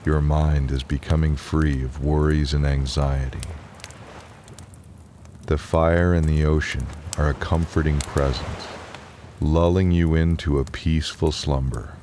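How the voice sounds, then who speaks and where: Very deep, slow, soothing male bedtime narrator. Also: a little hiss or hum. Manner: soothing, calm, unhurried. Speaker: relaxation narrator and storyteller. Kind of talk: slow guided relaxation and bedtime story narration.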